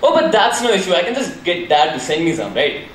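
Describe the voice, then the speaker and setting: A man's voice: high voice, very animated, fairly quick, a bit bright, voice pushed down. A man playing a carefree teenage son in a school stage play, casual and coaxing. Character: carefree teenage son asking dad for money. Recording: echoey hall from far off, faint noise.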